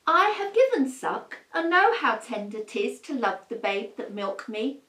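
Actress as a high, lively, scolding Lady Macbeth in a roomy space, sarcastic and bossy. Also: unhurried. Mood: scheming. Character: scheming bossy Lady Macbeth, sharp-tongued wife. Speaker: actor in a comedy film. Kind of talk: comic stage acting.

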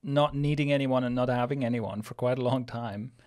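A Swiss podcast co-host in his thirties talks at a brisk clip, his mid-range voice fairly even in intonation and a touch mellow. He thinks aloud and often restarts as he speaks into a studio mic on a boom arm, wearing headphones, in a small room with a plant wall.

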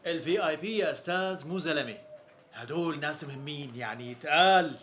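A man plays a cheeky Syrian tailor's apprentice who keeps butting in. His voice is high, bright and fast, heard a little away from the mic. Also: slight background noise, close to an everyday voice. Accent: Syrian Arabic. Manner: butting in, pleading, nosy. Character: cheeky meddling young male tailor's apprentice. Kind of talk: TV sketch comedy acting.

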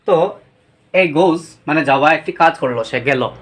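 A teacher explaining a grammar lesson to students, posing questions and answering them, reading example sentences slowly. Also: medium pitch, fairly bright tone.

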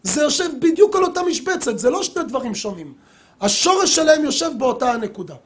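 A middle-aged man, a rabbi, giving a sermon and telling a story, acting out the quoted dialogue with lively voices. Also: very high voice. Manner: animated storyteller who acts out quoted dialogue.

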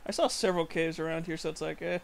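A man's voice: a little high, steady tone, quick pace, creaky, a little hiss or hum. A young man hosting a casual gameplay video, chatty and joking, often laughing as he plays. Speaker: channel host. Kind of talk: gameplay commentary.

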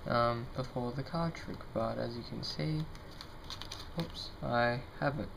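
A man's voice: mid-range voice, takes it slowly, gravelly. A young man casually presenting to camera as an amateur magician, informal, tentative and self-deprecating, at a table indoors. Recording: noisy home recording, card shuffling sounds.

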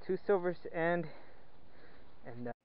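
A man chatting casually and playfully while metal detecting outdoors in the woods, excited over each find. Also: sits high, slow, clear, resonant tone. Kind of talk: casual outdoor vlog commentary. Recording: dull lo-fi outdoor audio with faint wind noise.

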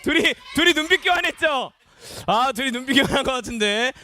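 A young man, a junior pastor, leading a lively quiz game for children in a church education hall, playful and energetic as he calls out to the kids. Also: extremely high pitch, brisk.

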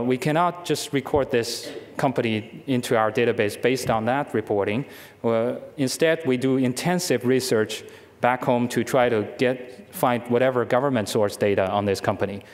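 Male speaker, halting conference Q&A answer, podium mic, long hall reverb. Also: medium pitch. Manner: halting, many restarts and fillers. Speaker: keynote speaker answering questions. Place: large lecture hall. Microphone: podium microphone, far camera.

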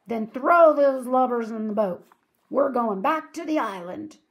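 A woman's voice: high voice, measured pace, voice pushed up. A woman reading a storybook aloud and voicing a bullying one-eyed male pirate captain who growls and barks his orders. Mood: gruff.

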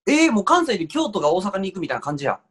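A man's voice: high-pitched, big pitch swings, rapid-fire, fairly bright tone. A man playing a young Kansai man in a remote comedy sketch, talking in an easygoing way with a Kansai accent over a video call. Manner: easygoing dialect chat, nodding along. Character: young man from Kansai meeting a Chiba guy.

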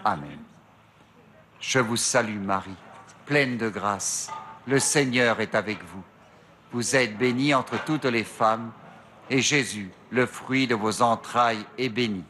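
A middle-aged priest intones prayers at an open-air grotto, unhurried and measured. His voice is bright and clear over a faint hum of the outdoors, spoken into a stand mic at a lectern. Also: mid-range voice. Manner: slow measured prayer recitation. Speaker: priest leading the rosary. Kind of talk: slow recited prayer and meditation. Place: outdoor rock grotto shrine.

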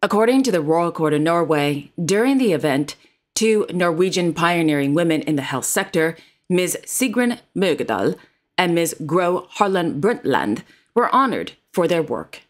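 Woman, royal news narrator, formal read, slightly low pitch. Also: sing-song, moderate pace. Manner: formal, reads titles and quotes carefully.

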